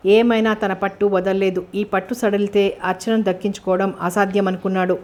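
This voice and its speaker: A woman with a medium-pitched voice narrates a novel as an audiobook, reading in a steady, measured way.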